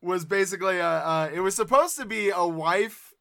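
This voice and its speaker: Laughing high-voiced man. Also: moderate pace, vocal fry, pushed and bright. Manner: laughing, loose. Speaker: improv performer. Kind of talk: casual chat after an improv scene.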